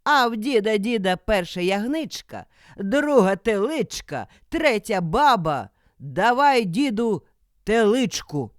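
A woman voicing a hungry, threatening male wolf who shouts his singsong demands in a storybook. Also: on the high side, big pitch swings, unhurried, no room sound, clean studio sound, pitched above the performer's own voice. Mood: singing demand.

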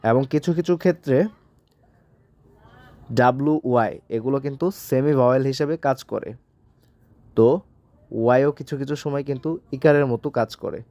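A man teaching English pronunciation, spelling letters out slowly and repeating each sound, then talking warmly to his viewers as friends. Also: mid-range voice, no room sound. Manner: addresses viewers as friends, encouraging. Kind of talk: slow spelling and pronunciation drill.

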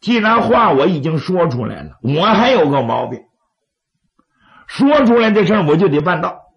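A hot-headed, pushy man played by a male storyteller makes insistent demands in a dramatic style. The voice is gravelly and fairly high, on slightly dull audio. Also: big pitch swings, moderate pace, heavily acted. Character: pushy, hot-headed male visitor, old sworn brother.

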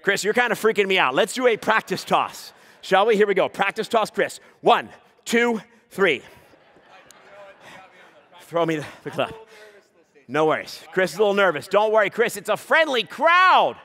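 A man's bright, ringing voice bounces all over the place as he teases a volunteer onstage. His banter is playful and quick, breaking into shouts to pump up the audience. It is a live comedy juggling act. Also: high-pitched, expressive. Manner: playful teasing banter, bursts of shouted crowd hype. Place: live stage before an audience.

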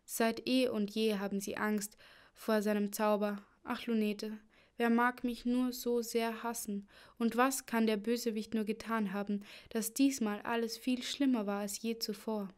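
A woman's voice: fairly high pitch, little pitch movement, a little slow, a little mellow, clean tone, close to an everyday voice. A woman voicing a distressed young queen who pleads anxiously.

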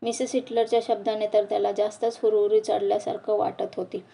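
Female novel reader, steady narration, warm dark timbre. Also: medium pitch, a little fast, creaky, recorded from a distance. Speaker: audiobook reader. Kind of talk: reading a novel aloud.

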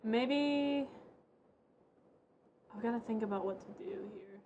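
A woman streamer chats casually through a game, thinking out loud. Her voice sits fairly high, and there is noticeable noise behind it. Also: slow, highs cut off. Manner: informal, thinking aloud to herself and viewers. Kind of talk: casual live game commentary.

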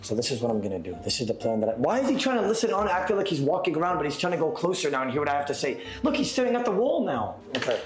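A man's voice: on the high side, sing-song, racing, few pauses. A young man bantering casually in an argumentative, sweary way, as a contestant in a home bake-off. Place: large home kitchen indoors. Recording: echoey room with music.

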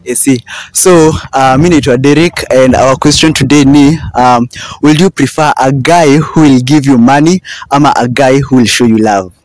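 A young man with a Kenyan accent, hosting a casual street interview outdoors and nudging answers along with relaxed mm-hmms. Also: mid-range voice, normal speed, no room sound, low-quality recording. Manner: relaxed, prompts with frequent mm-hmms. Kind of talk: casual street interview in English and Swahili slang.

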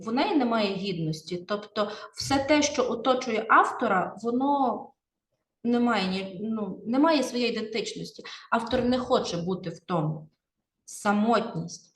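A woman literature teacher with a Ukrainian accent, explaining a poem to her pupils and often checking that they follow along. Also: a little high. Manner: explanatory, addressing pupils with frequent "так?" checks. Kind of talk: classroom poetry analysis lesson. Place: classroom. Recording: echoey classroom, from far off.

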